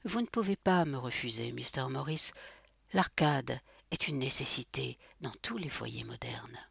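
A woman voicing a cold, polite male robot salesman who speaks with calm, metallic confidence in a formal sales pitch. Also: unhurried, vocal fry, breathy edge, dry recording, clean studio sound, heavily acted. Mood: coolly persuasive.

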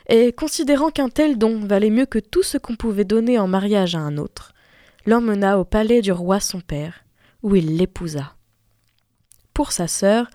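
Mellow-voiced woman reading a fairy tale. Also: mid-range voice, dry recording, studio quality. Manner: expressive storytelling. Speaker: reader.

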